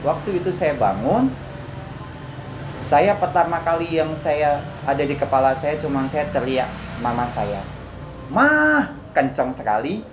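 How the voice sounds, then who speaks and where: A man giving a personal testimony in conversation, telling it earnestly and acting out his own shouts. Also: on the high side, measured pace. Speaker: guest sharing a testimony. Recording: echoey room with background noise.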